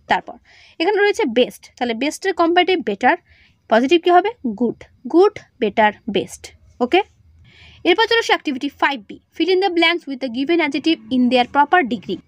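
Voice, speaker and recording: This is a high-pitched woman with a Bengali accent, teaching an exam revision lesson to schoolchildren. She drops in rhetorical questions and checks again and again that they follow. She reads the example sentences slowly and deliberately, and the recording is dry and close, with no room sound. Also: no echo. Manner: asks rhetorical questions and checks understanding often.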